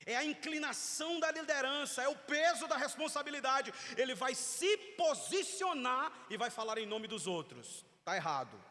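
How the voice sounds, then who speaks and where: A man's voice: very high-pitched, very animated, normal speed, few pauses, bright, forceful tone. A man with a Brazilian Portuguese accent preaching a teaching sermon in church, emphatic and asking the congregation questions. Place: church sanctuary. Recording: long reverb of a church hall.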